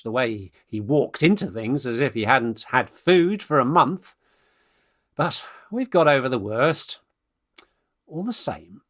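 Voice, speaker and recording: For a radio farce, an actor plays a flustered young British gentleman of the Victorian era, stammering and exclaiming as he eagerly courts and bosses his friends around. His medium-pitched delivery is heavily acted, pure stage farce performed for a radio play.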